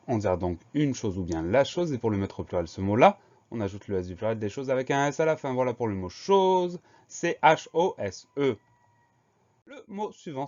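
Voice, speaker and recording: A man teaching a spelling lesson, slowly and methodically spelling out words letter by letter. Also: mid-range voice, a little mellow, muffled recording.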